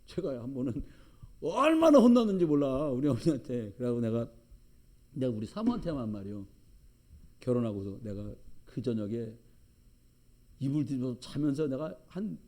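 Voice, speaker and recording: A man's voice: mid-range voice, big pitch swings, moderate pace, pauses often, warm tone. A middle-aged man preaching a sermon as pastor in a church, with emphatic, joking storytelling. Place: church sanctuary.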